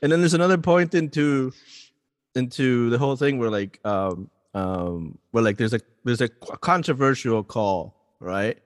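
A man co-hosting a casual podcast, an animated storyteller who rambles and restarts his sentences. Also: medium pitch, moderate pace, no echo, studio quality, in a large hall. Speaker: podcast co-host.

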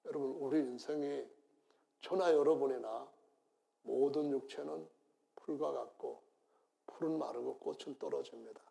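A man who is a pastor, preaching a sermon and telling the story, acting out quotes with big swings in loudness. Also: medium pitch, moderate pace, creaky, pauses often.

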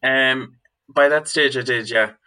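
A man's voice: medium pitch, steady tone, a little slow, pushed and bright, clean tone. A young man from Galway with a west of Ireland accent, answering interview questions as a student guest in a hesitant, informal way. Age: young adult.

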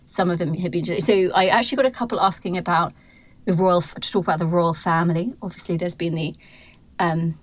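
A woman co-hosts a podcast in casual conversation, her lowish voice steady and fairly quick but hesitant, full of ums and restarts. She's recording inside a hotel-room cupboard on a computer mic that peaks.

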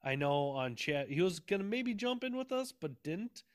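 A man's voice: high voice, sing-song, moderate pace, dry recording, clean studio sound. A man in casual chat, telling rambling stories with frequent laughs and swearing. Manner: rambling, laughing storyteller who swears freely.

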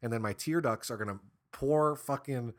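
A young man co-hosting a podcast in casual, animated chat, swearing and laughing often. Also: medium pitch, moderate pace. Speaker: podcast co-host.

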